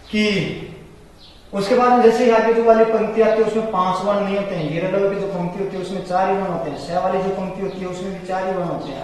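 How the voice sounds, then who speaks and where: A man teaching Hindi grammar in a classroom-style lecture, explaining patiently and repeating terms slowly for his students. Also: high-pitched, slight background noise. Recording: echoey room from far off.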